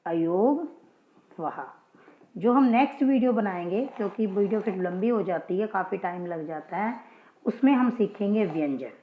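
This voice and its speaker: A woman's voice: mid-range voice, moderate pace. A woman teaching Hindi grammar in a casual classroom style, patiently asking questions and answering them herself. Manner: patient, checks in with listeners, asks and answers her own questions. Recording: dull lo-fi, echoey room.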